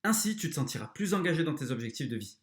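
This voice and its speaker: A man's voice: on the high side, big pitch swings, fast talker. Blunt man coaching in a roomy space. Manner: blunt, crude, talks straight to the listener. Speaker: podcast host. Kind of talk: motivational self-help talk.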